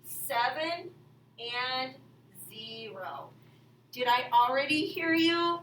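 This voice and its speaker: A woman's voice: high voice, slow pace, fairly bright tone. A woman teacher talking to children like a kids show host, explaining step by step with exaggerated exclamations. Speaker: elementary math teacher demonstrating a game. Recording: echoey room, distant mic, faint noise.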